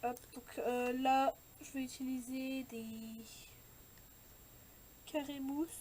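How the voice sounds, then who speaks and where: High-voiced woman chatting through a craft tutorial. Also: fairly even intonation, slow pace, mellow, slight background noise. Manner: hesitant, many fillers and restarts. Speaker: scrapbooking vlogger. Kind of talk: casual craft tutorial chat.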